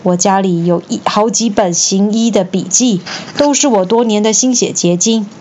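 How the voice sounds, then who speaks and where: A woman's voice: mid-range voice, normal speed, a little mellow, muffled recording, slight background noise, lightly acted. A woman voicing an earnest, self-assured old male physician in a children's story reading. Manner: self-assured, then pleading.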